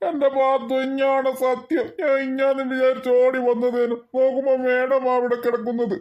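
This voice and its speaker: A woman's voice: high-pitched, little pitch movement, normal speed, highs cut off, lightly acted. A woman voicing a bumbling, whiny middle-aged husband in a cartoon, pleading. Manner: pleading, whining. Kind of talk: cartoon voice acting.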